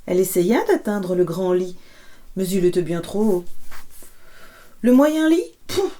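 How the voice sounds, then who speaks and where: A woman storyteller reading a fairy tale aloud in an expressive, playful way. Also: on the low side, a little slow.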